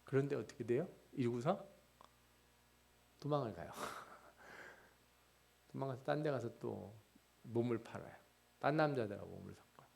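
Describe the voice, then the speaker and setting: A man's voice: medium pitch, measured pace, gravelly, pauses often, a little mellow. A man preaching a midweek church sermon, posing questions to the congregation and answering them himself. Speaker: pastor.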